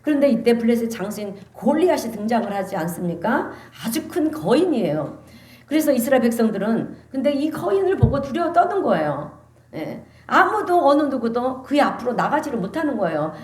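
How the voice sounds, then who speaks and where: Female pastor, lively sermon delivery, somewhat high voice, echoey church sanctuary sound. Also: fairly quick. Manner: animated preaching, calls for amens from the congregation.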